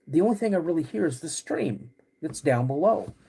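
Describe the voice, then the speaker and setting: A man hosting a podcast, recounting a personal story in a halting, repetitive, suspenseful way. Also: on the high side, animated, gravelly, dark tone, slightly rough. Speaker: podcast host.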